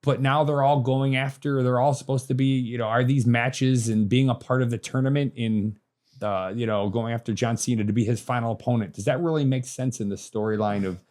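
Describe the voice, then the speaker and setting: A man's voice: mid-range voice, fairly even intonation, fairly quick, darkish tone. A man co-hosting a casual wrestling podcast, joking with catchphrases and thinking aloud about storylines. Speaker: podcast co-host.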